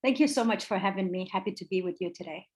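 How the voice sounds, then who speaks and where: Speaking quickly in a mid-range voice, this Somali city council candidate in her forties responds to interview questions on a video call. She is earnest and emphatic, coming back to her key phrases again and again.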